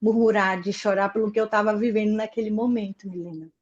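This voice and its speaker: A woman's voice: medium pitch, steady tone, quick pace, lo-fi sound. A woman with a Brazilian Portuguese accent tells an interviewer her personal life story. She speaks earnestly and with feeling, often restarting her sentences. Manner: emotional, earnest, with frequent restarts. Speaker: interview guest.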